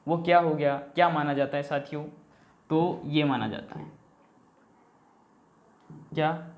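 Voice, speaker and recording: Male teacher quizzing his class. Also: a little high. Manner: asks the class questions and answers them himself; keeps checking in with "ठीक है". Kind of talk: exam-prep grammar lesson.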